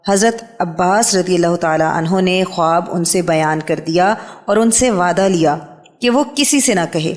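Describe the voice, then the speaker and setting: A woman reading a religious history book aloud in a steady, measured way, announcing each new heading. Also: lowish voice. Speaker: book reader. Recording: long hall reverb.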